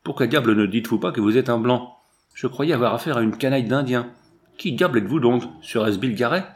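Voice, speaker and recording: A man voicing a jovial old male mountain trapper with a gruff, folksy, cackling manner. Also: medium pitch, fairly quick, natural voice. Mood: surprised.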